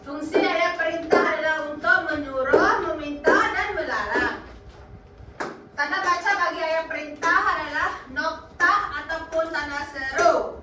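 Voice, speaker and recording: A young woman with a very high voice plays a pupil explaining a lesson to her classmates. She is heard from a distance in a strongly echoing classroom. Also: measured pace, pauses often. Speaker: student teaching peers in a role-play. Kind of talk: micro-teaching role-play. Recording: echoey classroom, from afar.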